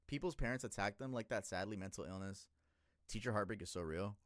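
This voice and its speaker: A man in his twenties, a streamer casually telling a story to his chat, emotional and profane, jumping between loud outbursts and low muttering. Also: brisk, no echo, studio quality. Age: 20s.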